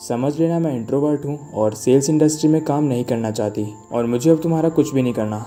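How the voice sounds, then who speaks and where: A man's voice: medium pitch, quick pace, dark tone, soft background music, lightly acted. A man reading the lines of a blunt young woman office worker in his own plain voice. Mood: firm.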